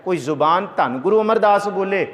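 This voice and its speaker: A man preaching a religious sermon, chanting scripture verses slowly and then explaining them with rhetorical questions. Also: high voice, animated, highs cut off. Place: large congregation hall. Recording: long hall reverb.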